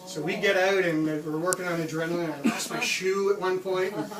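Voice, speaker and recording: A middle-aged man from Canada casually telling a funny camping story, animated and laughing often. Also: high voice, brisk, a crowd in the background. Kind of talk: casual spoken anecdote. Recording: roomy, distant mic with background ambience.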